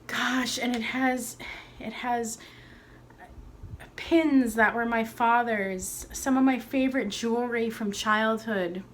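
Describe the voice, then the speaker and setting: Woman, young adult, excitable home vlogger, unhurried delivery, faint background hum. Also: on the high side. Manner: gushing, excitable, breathy exclamations. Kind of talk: casual home vlog, unboxing. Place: at home, indoors.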